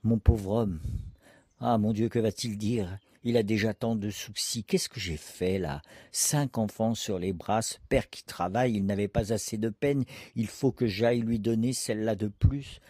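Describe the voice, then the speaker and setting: A man reading the part of a poor fisherman's anxious, guilty wife in a dramatic poetry reading, speaking in a halting, fearful way. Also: on the low side, fairly even intonation, mellow, husky, no echo.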